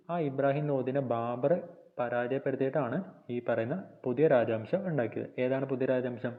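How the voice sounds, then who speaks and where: Malayali guy teaching a school lesson, keeps repeating and asking questions, sounds phone-like and thin. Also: medium pitch. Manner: repeats points and quizzes the viewer; reads English lines slowly and deliberately. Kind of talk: textbook lesson explanation. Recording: phone-like narrow band audio.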